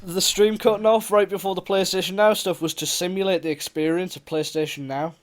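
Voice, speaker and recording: A man's voice: high-pitched, fairly even intonation. Sarcastic man hosting a gaming podcast. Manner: sarcastic, laughing, runs through topics quickly. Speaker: podcast host. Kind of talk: casual gaming chat.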